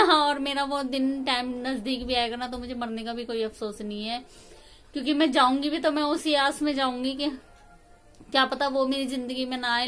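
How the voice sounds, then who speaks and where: A woman's voice: on the high side, a bit bright, a little hiss or hum. A woman in her thirties talking casually to her viewers from her rented room at home, rambling and emotional with many restarts. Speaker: family vlogger.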